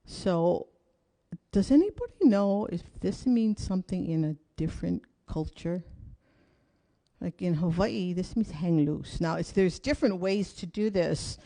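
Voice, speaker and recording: Speaking in a fairly low, mellow voice without hurrying, this woman runs an online hula class indoors behind closed curtains. She's cheerful and talkative, calling out counts, steps, and questions for her viewers.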